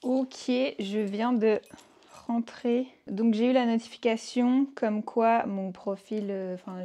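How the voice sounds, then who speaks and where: A woman's voice: medium pitch, dark tone. Chatty young woman vlogging in a rush. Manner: chatty, rushed, hurried asides. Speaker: au pair vlogger. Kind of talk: casual vlog talk to camera. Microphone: small handheld camera.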